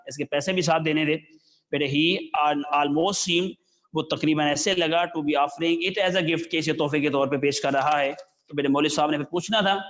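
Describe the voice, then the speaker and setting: A man's voice: a little high, a bit bright. Man teaching English phrase by phrase. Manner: reads an English phrase slowly, then explains it in Urdu. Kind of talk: line-by-line textbook lesson.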